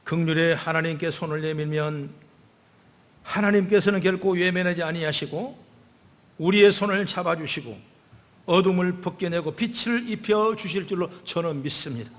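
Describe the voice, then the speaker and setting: Older male pastor preaching in a reverberant church. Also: moderate pace. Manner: preaching with swings between loud emphatic calls and soft low asides. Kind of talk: sermon. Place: church sanctuary. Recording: long hall reverb.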